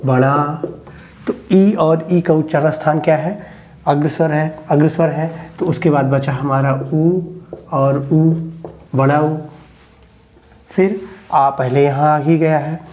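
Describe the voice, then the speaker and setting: Male teacher, unhurried, repetitive step-by-step explainer, relaxed darker tone. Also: a little high. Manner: slow, repetitive, explains step by step with pauses and questions. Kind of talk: spoken Hindi grammar lesson.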